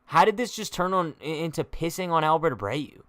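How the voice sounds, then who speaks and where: A man's voice: a little high, animated, brisk, fairly bright tone, no echo. A young man hosting a live-stream sports chat, trash-talking in a joking way, heavy on slang, and reading viewer comments aloud. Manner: slangy, says "bro" a lot. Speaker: sports show host.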